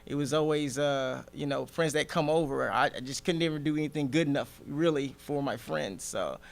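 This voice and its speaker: Laughing gravelly-voiced male comedian. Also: a little high, normal speed. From Nigeria. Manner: easygoing, laughs often between lines. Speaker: interviewee, stand-up comedian. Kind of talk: casual interview conversation.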